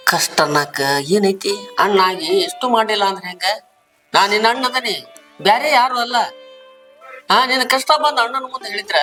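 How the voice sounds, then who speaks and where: A man's voice: very high-pitched, sharp tone. A man with a North Karnataka Kannada accent plays a caring older brother who works as a poor laborer. He speaks in an earnest, pleading way, asking the same questions again and again. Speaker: actor in a short film. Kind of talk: village family drama acting.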